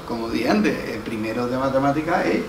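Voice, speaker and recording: A man's voice: medium pitch, expressive, brisk, gravelly. A man with an Andalusian Spanish accent, a pastor preaching a sermon, telling a story and acting out the voices in it, repeating his key lines for emphasis. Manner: storytelling, acts out quoted voices, emphatic repetition. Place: church hall. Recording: roomy, from far off, faint noise.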